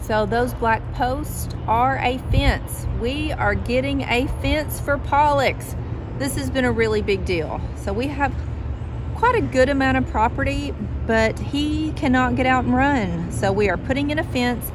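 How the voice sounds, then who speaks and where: A woman's voice: a little slow, background noise. Chatty woman filming a home tour. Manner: chatty, talks to her dog in a high sing-song voice. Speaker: vlogger. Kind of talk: casual home tour vlog. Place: outdoor patio then inside a house. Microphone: phone held at arm's length.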